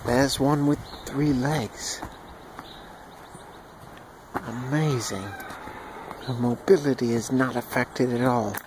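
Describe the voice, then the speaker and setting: A man narrating a home video in a hushed, mock-solemn wildlife documentary manner, outdoors in a yard. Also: mid-range voice, steady tone, slow, long pauses. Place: outdoors in a yard with chickens and dogs. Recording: outdoor noise with bird calls.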